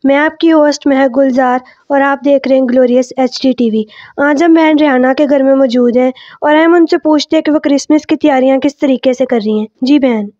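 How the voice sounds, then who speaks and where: A woman's voice: high voice, fairly quick, dark tone, dry recording. A woman from Pakistan hosting Christmas home visits for a TV channel, thanking guests in a courteous, formal way. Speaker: TV host. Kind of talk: door-to-door Christmas interview. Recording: dry, slightly dull audio.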